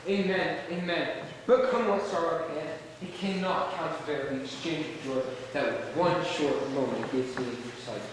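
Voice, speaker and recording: A man's voice: fairly high pitch, moderate pace, a little hiss or hum, close to an everyday voice. A young man playing an ardent young lover. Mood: fervent. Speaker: student actor. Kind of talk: stage play performance. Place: school stage. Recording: distant voice in an echoey hall.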